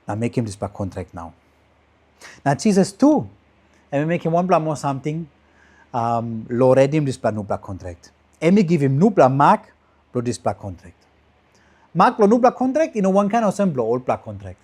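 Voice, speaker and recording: A man's voice: big pitch swings, moderate pace, long pauses. Papua New Guinean man preaching in pidgin. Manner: emphatic rises trailing off into lower, softer phrase endings; short, repetitive phrases.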